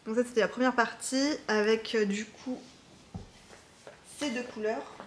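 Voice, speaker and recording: A woman's voice: a little high, steady tone, measured pace, a little hiss or hum. Chatty French-speaking woman in roomy workshop. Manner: chatty, lots of fillers and restarts. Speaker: knitting vlogger. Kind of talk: casual chat to camera. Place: home craft workshop. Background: jackhammer from far off.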